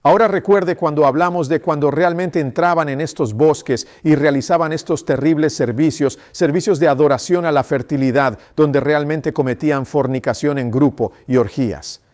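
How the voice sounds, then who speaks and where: Man preaching a sermon, fairly high voice, emphatic and insistent, keeps throwing questions at the listeners. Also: moderate pace, few pauses, darkish tone. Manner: fires rhetorical questions at the congregation.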